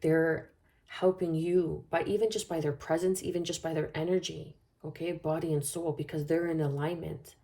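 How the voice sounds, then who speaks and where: A woman gives a spoken tarot reading in a low, mellow voice with little pitch movement and a normal speed. Her delivery is flowing and soothing, with repetitive phrasing and frequent check-ins of "okay?".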